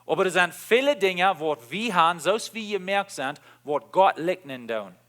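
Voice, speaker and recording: A man's voice: sits high, animated, normal speed, fairly bright tone. A man preaching a sermon, repeating key phrases with emphasis and switching between languages mid-sentence.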